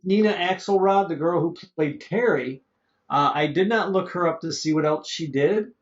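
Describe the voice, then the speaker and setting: A man with a fairly high voice speaks at a moderate pace as a podcast co-host, chatting about an old movie. It's a casual, rambling talk full of chuckles and fumbled names, captured in dull lo-fi audio.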